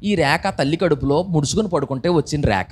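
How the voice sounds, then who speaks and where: A man preaching a sermon into a microphone, lively and full of rhetorical questions, acting out the voices of people he describes. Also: a little high, quick pace, husky. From India. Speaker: pastor.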